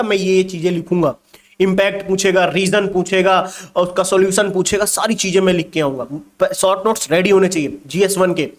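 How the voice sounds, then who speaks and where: A man teaching exam preparation, lecturing emphatically and firing rhetorical questions at his students. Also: high voice. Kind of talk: motivational exam-prep lecture.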